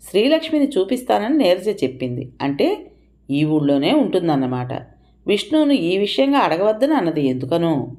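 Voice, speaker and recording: A woman narrating an audio story in an expressive manner, lifting her voice for quoted speech. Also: sits low.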